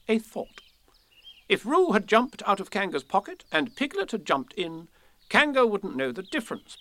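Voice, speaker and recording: A man's voice: sits high, pitched above the performer's own voice, heavily acted. A man voicing a bossy, self-important male rabbit who loves making plans, in a storybook reading. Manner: brisk, self-important, lively. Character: bossy clever male rabbit, brisk planner.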